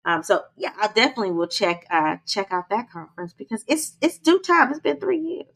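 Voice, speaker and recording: A woman's voice: medium pitch, lively intonation, brisk, fairly bright tone. A woman co-hosting a podcast, talking chattily with listeners and calling them y'all. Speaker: podcast co-host. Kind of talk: casual podcast chat.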